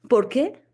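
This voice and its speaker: Emphatic woman teaching, mellow voice. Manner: emphatic, asks "¿sí?" often, mimics inner voices. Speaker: spiritual teacher. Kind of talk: casual spiritual class talk.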